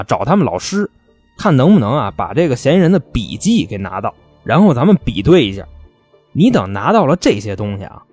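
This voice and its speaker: A man's voice: medium pitch, a little mellow, dry recording. A man doing a blunt cop. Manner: bossy, blunt, colloquial. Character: brusque male police officer.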